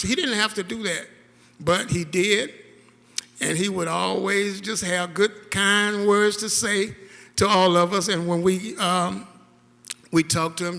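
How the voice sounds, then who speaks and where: Man giving a halting, tearful memorial speech; high, bright voice in a reverberant hall. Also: gravelly. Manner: emotional, halting, laughing through tears. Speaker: caregiver giving a eulogy. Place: church hall. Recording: long church hall reverb.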